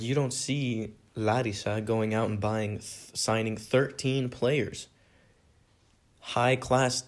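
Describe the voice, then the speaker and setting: A young man from America hosting a solo podcast, answering fan questions in an earnest, rambling way that repeats itself. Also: medium pitch. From United States. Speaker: podcast host.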